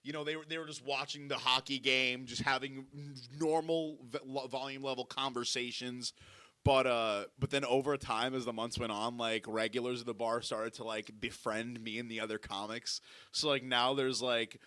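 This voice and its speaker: A bright, forceful young man tells stand-up stories on a podcast. He talks fast and hyper, tripping over restarts as he rushes on. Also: mid-range voice, steady tone. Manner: fast, hyper storytelling with frequent restarts and laughs. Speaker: stand-up comic and podcast guest. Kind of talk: casual chat.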